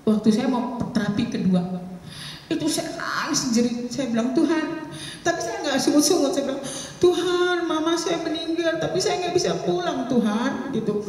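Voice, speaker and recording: A woman's voice: fairly high pitch, a little mellow. A woman pastor giving a sermon testimony in casual storytelling style, calling her listeners friends and acting out the prayers she spoke. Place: church hall. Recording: echoey hall, distant mic.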